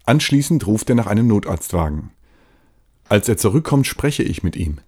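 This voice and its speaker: A man with a low, husky voice reads out his own story. He narrates in the first person, plain and steady, from a prepared script. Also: moderate pace.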